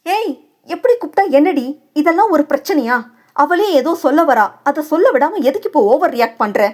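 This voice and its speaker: A woman's voice: sits high, expressive, brisk, darkish tone. A stern young husband, firm but caring, who scolds and warns, as a woman narrator acts him out in an audio novel. The voice stays the reader's own, lifted a little in the heated lines. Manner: firm, reproachful, warning.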